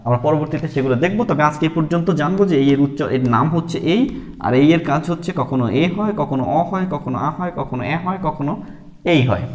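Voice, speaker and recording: A man's voice: fairly high pitch, in a large hall. A man teaching beginners English letter sounds, explaining patiently and repeating each sound several times. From Bangladesh. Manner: repeats sounds slowly, with many fillers.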